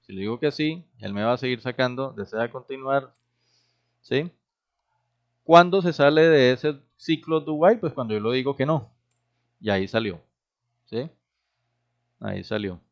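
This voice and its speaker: Speaking at a moderate pace with frequent pauses, a medium-pitched male instructor walks students through a programming lesson step by step, often making sure they keep up. The classroom lecture was recorded with dull, lo-fi quality.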